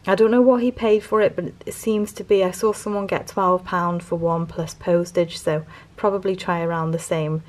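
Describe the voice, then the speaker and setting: A British woman with a fairly low voice talks through a haul in a casual vlog style. Her delivery is hesitant and rambling, like an informal reseller commentary. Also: steady tone, moderate pace, few pauses, darkish tone. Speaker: reseller vlogger.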